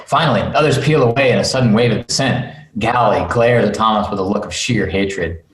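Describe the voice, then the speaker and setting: Over roomy video-call audio, a man with a lowish voice briskly reads screenplay stage directions as narrator for a table read, cracking jokes on the side.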